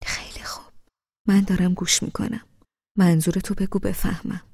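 A woman reading an audiobook, voicing a young husband who reasons with his wife in a soft, hushed voice. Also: medium pitch, flat delivery, breathy edge, no room sound, clean studio sound. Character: patient young husband, calm and reproachful.

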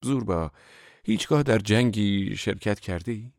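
Brief: man reading as a bookish young boss, indignant, gravelly low voice, audiobook. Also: darkish tone, dry recording, clean studio sound, lightly acted. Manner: earnest, indignant questioning.

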